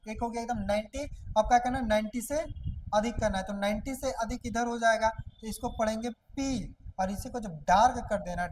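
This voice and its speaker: A woman's voice: a little high, a little mellow, slight background noise, poor audio. A woman teaching a shorthand class, who explains step by step and often asks a question and answers it herself. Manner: repeats questions and answers them herself, drawn-out words.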